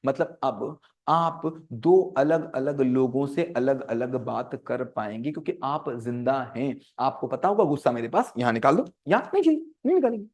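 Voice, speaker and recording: A man's voice: medium pitch, unhurried, a little mellow. A man giving a teaching talk on handling anger, who keeps asking his listeners questions and acts out everyday scenes. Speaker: speaker on managing anger.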